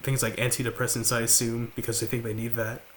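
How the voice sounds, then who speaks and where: With a slight lisp and a monotone, medium-pitched voice, a vlogger in his late teens quietly confides to the camera at home in a large house. He halts often, with many fillers and restarts, and there's slight background noise.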